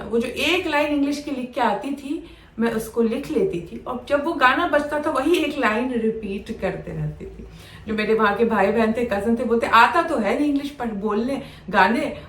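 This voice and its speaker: A woman from Bihar telling her own life story in an earnest way, mixing English phrases into her talk. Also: high voice. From Bihar, India. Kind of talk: personal storytelling. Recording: roomy echo, distant mic, faint ambient noise.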